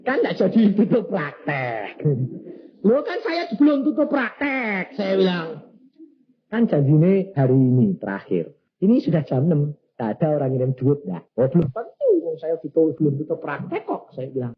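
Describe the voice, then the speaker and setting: A man's voice: on the high side, big pitch swings, moderate pace. An older man preaching a sermon, telling a personal testimony and acting out the dialogue. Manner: storytelling, acting out both sides of dialogues. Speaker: pastor. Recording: dull lo-fi church recording.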